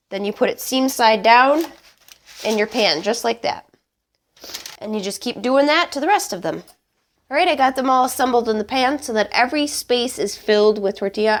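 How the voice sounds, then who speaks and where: A woman hosting a casual home recipe demonstration, chatty and emphatic, her voice congested and honking as she gets over bronchitis. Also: fairly high pitch. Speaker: cooking show host.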